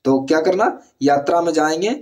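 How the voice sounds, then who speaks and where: A man's voice: on the high side, fairly quick. A man teaching an exam-prep lesson in speech, repeating key words again and again and checking in with the listener.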